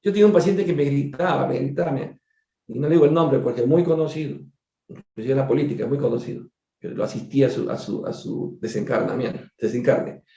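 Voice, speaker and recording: A doctor telling a case story during a spiritist book study, conversational and digressive, repeating words and turning to his listeners with quick asides. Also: mid-range voice, mellow. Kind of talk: storytelling lecture. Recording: echoey room, dull lo-fi sound.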